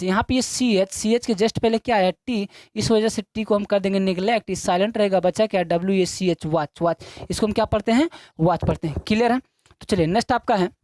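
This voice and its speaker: In a classroom-style video lesson, a woman with a medium-pitched, darkish voice teaches English, posing questions and answering them herself. She drills each point repetitively and addresses her students as children. The recording is dry.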